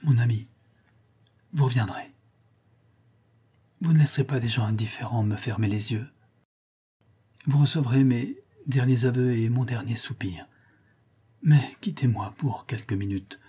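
A man's voice: mid-range voice, moderate pace, mellow, husky, lightly acted. A man reading the part of a wounded noblewoman who is dying, her speech faint and broken. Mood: fading whisper. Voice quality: faint, broken whisper in her last words. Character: dying noblewoman, wounded marquise, fierce and devoted.

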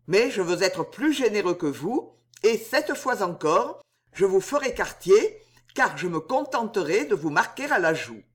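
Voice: medium pitch, very animated, measured pace, voice pushed up. A reader voicing a proud, gallant young male knight in a swashbuckling audiobook, answering with cool hauteur. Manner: proud and mocking in reply.

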